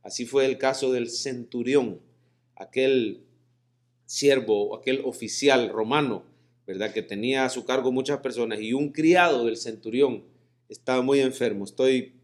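A man preaching a sermon, reading scripture and leading the congregation in repeating phrases, rising to loud emphatic declarations and dropping to hushed passages. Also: medium pitch, a little slow. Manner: calls the congregation to repeat words aloud.

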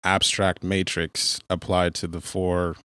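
A man's voice: deep voice, flat delivery, slow pace, sharp tone, clear, resonant tone, no echo, clean studio sound. A man co-hosting a casual podcast discussion, explaining ideas analytically with a wry, joking edge. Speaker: podcast co-host.

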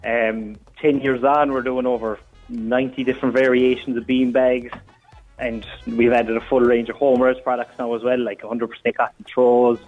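A man's voice: mid-range voice, little pitch movement, normal speed. A man with a west of Ireland accent chatting casually as a business owner and guest on a radio phone call, often repeating short phrases. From County Mayo, Ireland. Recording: phone call over music.

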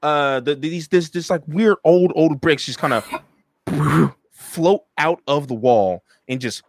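A man's voice: fairly high pitch, takes it slowly, no echo, studio quality. A man running a tabletop game as game master, improvising narration in an absent-minded, muttering way and losing his thread.

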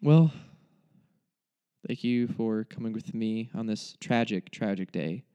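A man's voice: fairly low pitch, slow pace, mellow, clean tone. A young man giving a casual spoken movie review, rambling and cutting himself off, with mock-dramatic despair.

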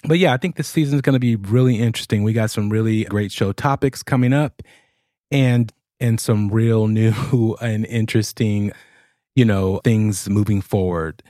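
A man with a lowish voice hosts a podcast in casual conversation. The sound is very dry and close, with no room echo. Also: moderate pace, warm tone. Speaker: podcast host. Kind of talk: casual chat.

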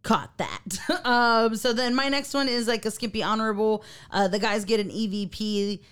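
A woman's voice: a little high, normal speed, smooth. A woman co-hosting a podcast, chatting casually and animatedly while reviewing a TV episode. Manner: chatty and animated, fillers and laughs. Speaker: podcast co-host.

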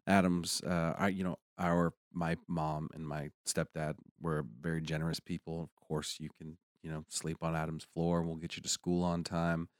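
A man co-hosting a casual conversation, telling a personal story animatedly, with excited peaks. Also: extremely low pitch, normal speed, few pauses, no room sound, clean studio sound.

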